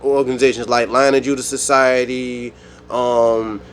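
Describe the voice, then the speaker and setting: A man from the United States hosting his own channel, speaking his mind in a rambling, animated monologue with frequent restarts. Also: medium pitch, unhurried, slight background noise. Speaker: YouTube channel host. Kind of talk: solo opinion monologue.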